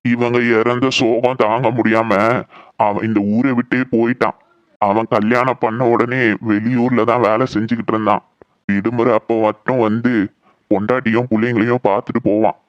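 A man voicing a gentle old village grandfather in a cartoon, speaking slowly and soothingly. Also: medium pitch, flat delivery, no echo, muffled recording, close to an everyday voice. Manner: slow, soothing, consoling. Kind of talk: cartoon voice acting.

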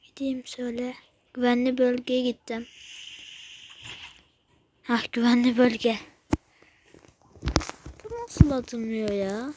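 A high-pitched woman talks through a scary game as a channel host. Her speech is slow and halting, broken up by startled, jumpy exclamations, with a faint hiss of noise behind her. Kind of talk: gameplay commentary.

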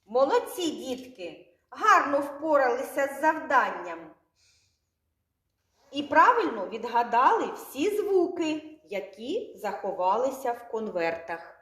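A kindergarten teacher with a high voice that rises and falls widely. She talks slowly, in a sing-song way, repeating each word clearly for little children. The room is echoey. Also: big pitch swings, fairly bright tone. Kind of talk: speech lesson for young children.

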